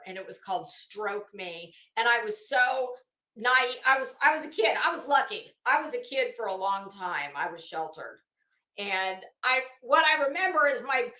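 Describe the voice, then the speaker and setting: This is a middle-aged woman hosting a livestream, her voice sitting high with a sharp tone. She comments casually but brashly, swearing, giving strong opinions and emphasizing things dramatically, all in an echoey room.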